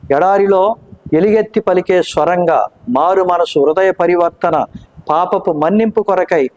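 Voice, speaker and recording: A man preaching a sermon, reading scripture slowly and deliberately and asking rhetorical questions. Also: fairly high pitch, darkish tone, poor audio.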